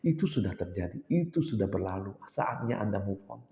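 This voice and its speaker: A man's voice: lowish voice, lively intonation, fairly quick, gravelly, dark tone. A man speaking as a motivational coach, talking emphatically with many rhetorical questions and repeated phrases. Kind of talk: motivational talk to camera. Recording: roomy hall echo, dull lo-fi sound.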